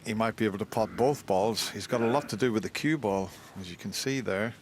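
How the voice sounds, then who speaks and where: A man giving live snooker commentary in a measured, conversational way. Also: fairly low pitch, background noise.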